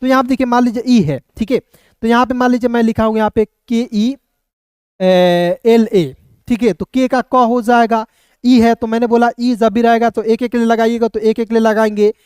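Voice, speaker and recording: High, clear-voiced male teacher. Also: flat delivery, a little mellow, dry recording, studio quality. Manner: repeats "friends" and "okay" constantly, spells letters slowly. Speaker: English teacher. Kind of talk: classroom lesson.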